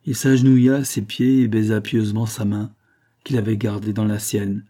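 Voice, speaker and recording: Male audiobook narrator, classic literature; low, warm, husky tone. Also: flat delivery, normal speed.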